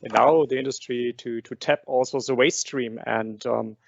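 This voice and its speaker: Gravelly guy on a group voice chat, lots of um yeah, dead dry muffled line. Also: medium pitch, steady tone, moderate pace, no room sound. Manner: hesitant, many "um, yeah" fillers. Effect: group video call audio. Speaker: industry panelist. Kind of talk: answering on a group video call. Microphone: computer mic on a video call. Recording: dry, dull call audio.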